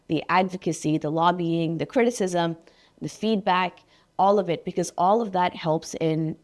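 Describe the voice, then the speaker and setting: Earnest low-pitched woman, political candidate. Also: darkish tone. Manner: measured, earnest and persuasive. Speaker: election candidate being interviewed. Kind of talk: interview answers.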